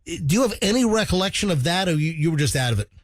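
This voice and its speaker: Male morning radio DJ, middle-aged. Fairly high register, emphatic conversational interviewing, very dry studio recording. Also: animated, fast talker, no echo. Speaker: morning radio show host.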